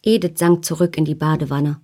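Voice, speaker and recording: A woman narrating a novel in the first person as an audiobook, measured and tense. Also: sits low, fairly even intonation, mellow, slightly rough.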